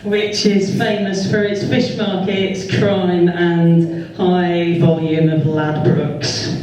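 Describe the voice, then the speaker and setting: A woman's voice: mid-range voice, recorded from a distance. A woman from England doing a stand-up comedy set in a comedy club, wry and self-mocking and swearing freely, with audience laughter behind her. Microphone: stage microphone. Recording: echoey club room, off-mic.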